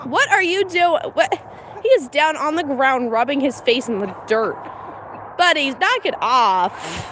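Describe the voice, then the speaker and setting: A woman with a high, fairly bright voice talks in an animated, unhurried way, her slight Pennsylvania accent blending into general American. She's a homestead livestreamer from Pennsylvania, chatting candidly and laughing often while doing chores with her cows outside. Faint outdoor noise is audible.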